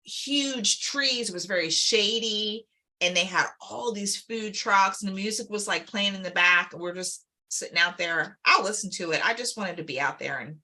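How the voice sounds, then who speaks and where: A woman's voice: mid-range voice, normal speed. A woman from Maryland co-hosting a live stream, chatting casually and asking lots of questions. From Maryland, USA. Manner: lively, expressive, asks many questions.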